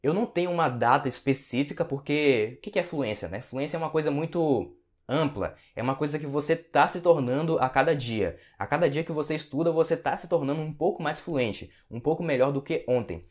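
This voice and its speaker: A man with a Brazilian Portuguese accent, answering viewer questions as a language teacher in a relaxed, casual way. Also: a little high, brisk. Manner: relaxed, repeats tags like "tá?" and "né?". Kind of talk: casual Q&A lesson to camera.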